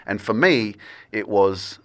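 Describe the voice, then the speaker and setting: A man's voice: fairly low pitch, lively intonation, slow. A man hosting a podcast, chatting casually and encouraging his guest with frequent affirmations. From Australia. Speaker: podcast host. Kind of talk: casual interview conversation.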